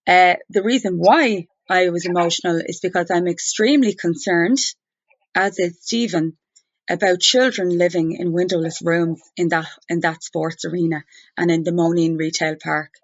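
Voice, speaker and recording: A woman speaking over the phone, challenging someone in an insistent, deliberate, argumentative way. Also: on the low side, fairly even intonation. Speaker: complainant challenging a journalist. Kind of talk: confrontational phone conversation. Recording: muffled, roomy recorded phone call.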